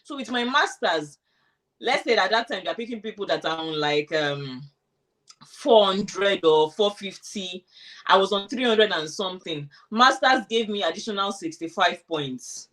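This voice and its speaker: Woman, mid-range voice, casual animated storyteller in an interview, slightly distant mic. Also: mid-range voice, moderate pace. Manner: animated, acts out quoted thoughts. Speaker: interviewee sharing her immigration story.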